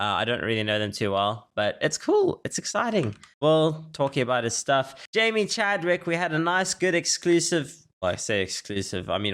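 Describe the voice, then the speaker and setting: A man's voice: mid-range voice, fairly bright tone, clean tone. A man in his late twenties giving casual reaction commentary as the channel host. He rambles, corrects himself and fills gaps with "like". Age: late 20s. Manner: rambling, self-correcting, with many "like" fillers.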